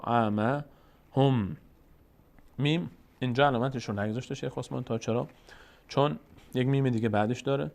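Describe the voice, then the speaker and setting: A man with a Tajik-influenced Persian accent teaching Quran recitation, explaining the rules and slowly drawing out each Arabic word as he demonstrates it. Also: mid-range voice, vocal fry. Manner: slow, drawn-out demonstration of Arabic words between explanations. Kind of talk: recitation lesson.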